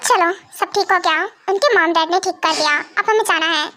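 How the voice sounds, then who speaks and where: A woman's voice: extremely high pitch, brisk, pushed and bright. Brief: woman reading a brusque young man, curt and impatient, fan drama. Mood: bossy. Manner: curt and bossy.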